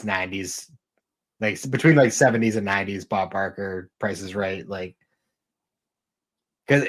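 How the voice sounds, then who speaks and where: A man co-hosting a podcast in casual chat, rambling with lots of fillers and swearing. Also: fairly low pitch. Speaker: podcast co-host.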